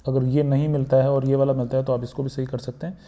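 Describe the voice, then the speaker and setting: A man's voice: medium pitch, little pitch movement, quick pace, warm tone. A man with an Indian accent teaching English pronunciation for exams, mixing Hindi and English and repeating each word several times. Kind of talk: exam-prep pronunciation lesson.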